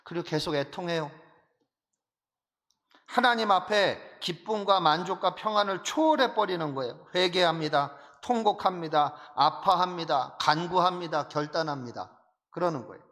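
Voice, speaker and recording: A male pastor preaching an animated sermon, full of rhetorical questions and emphatic repetition. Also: fairly high pitch, normal speed. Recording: long hall reverb.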